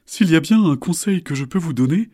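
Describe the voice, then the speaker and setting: A man's voice: on the high side, animated, fairly quick, dark tone, voice pushed up. A man doing a charming, friendly crocodile. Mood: welcoming. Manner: charming and hospitable. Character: friendly, welcoming male crocodile.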